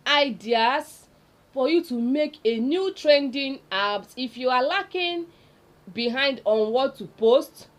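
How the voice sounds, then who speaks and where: Background noise accompanies this woman's slightly high voice, which carries a Nigerian accent. Hosting a casual, unscripted tutorial in listicle form, she addresses viewers directly and repeats points to drive them home.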